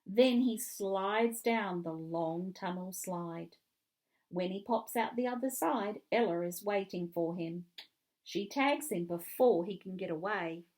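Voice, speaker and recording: A woman reading a children's book aloud with clear, expressive storytelling. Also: mid-range voice, slow pace. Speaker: reader.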